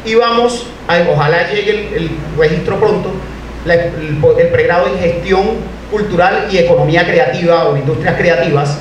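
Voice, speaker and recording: High-voiced Colombian Caribbean man in echoey hall. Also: normal speed, muffled recording. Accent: Colombian Caribbean Spanish. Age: middle-aged. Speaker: university official giving a speech. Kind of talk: public speech at a formal event. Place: indoor hall, at a podium. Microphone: podium microphones, heard from a distant camera. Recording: echoey hall, distant mic, faint noise.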